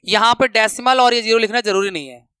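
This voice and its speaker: High, bright-voiced maths teacher. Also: male voice, quick pace, clear, resonant tone, dry recording. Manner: counts steps aloud, repeats rules to remember. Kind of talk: classroom lesson explanation.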